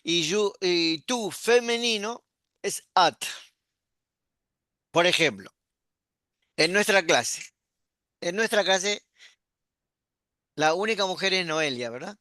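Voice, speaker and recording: A man, a pastor teaching an online class, explaining patiently and repeating words slowly. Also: high-pitched, animated, pushed and bright, dry recording, studio quality.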